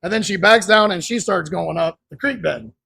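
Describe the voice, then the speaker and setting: A man's voice: high voice, normal speed, vocal fry, bright, forceful tone, slightly rough. A man telling long, rambling stories in a laid-back, casual way as a podcast guest. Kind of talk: casual storytelling.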